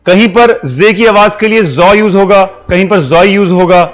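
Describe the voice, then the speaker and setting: A man's voice: high voice, normal speed, soft background music. A male teacher, giving a classroom lesson and switching between Hindi and English as he explains.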